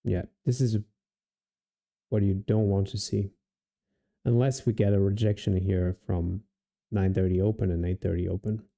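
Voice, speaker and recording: A man from Portugal with a Portuguese accent, giving relaxed live commentary on his trading and thinking aloud with many restarts and fillers. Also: lowish voice, normal speed, gravelly. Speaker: day trader streaming live.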